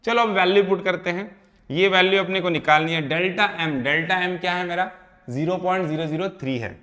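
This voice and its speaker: Bright-voiced male physics teacher. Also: sits high, a little fast. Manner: repeats and checks in with "है ना" and "ठीक है". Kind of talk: step-by-step problem solving lesson.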